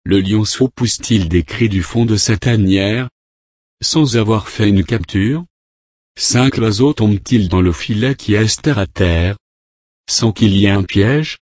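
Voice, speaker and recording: A man reading a sermon aloud, quoting scripture and calling out verse numbers in a measured way. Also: on the low side, a little mellow, dry recording, clean studio sound. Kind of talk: read sermon with scripture quotations.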